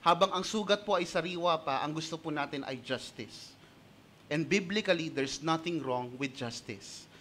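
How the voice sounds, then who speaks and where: A Filipino-accented male pastor delivers an animated sermon in a notably high, ringing voice. He moves easily between Tagalog and English, stressing points and tossing rhetorical questions to the congregation. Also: normal speed, a little hiss or hum. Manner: animated and emphatic, punctuating points with rhetorical "Okay?"; switches between Tagalog and English mid-sentence.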